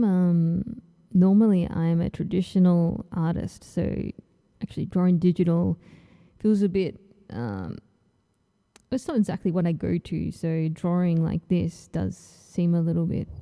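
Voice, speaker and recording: Slow, gravelly-voiced Australian woman. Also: fairly low pitch, muffled recording. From Tasmania, Australia. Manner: chatty and a little nervous, with frequent ums. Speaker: comic artist hosting her launch stream. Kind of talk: casual livestream chat while drawing.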